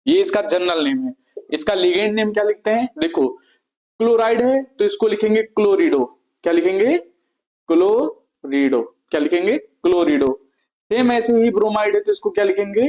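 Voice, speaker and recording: Man, chemistry teacher, fairly high voice, repeats each term, asks then answers himself. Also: expressive, fairly quick, a little mellow, highs cut off. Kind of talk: board lecture to students.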